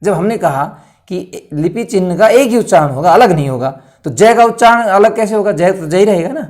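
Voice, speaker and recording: Guy teaching a lesson, keeps asking then answering himself, slows way down on each letter. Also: high-pitched, lively intonation, a little mellow. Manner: emphatic, asks and answers his own questions, slows to spell out letters. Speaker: Hindi teacher. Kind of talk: explanatory lecture.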